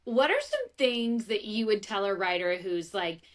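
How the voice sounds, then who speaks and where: A woman's voice: medium pitch, expressive, moderate pace. Bubbly woman co-hosting an interview. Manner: bubbly, laughs often, enthusiastic. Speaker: podcast co-host. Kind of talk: casual interview chat.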